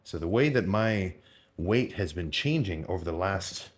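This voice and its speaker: A young man with a very deep, low voice talks to his vlog audience. He speaks informally and off the cuff, rambling along with plenty of slang. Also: lively intonation, measured pace. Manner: rambling, informal, full of slang and mild swearing. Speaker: fitness vlogger. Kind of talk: casual unscripted vlog chat about eating and training.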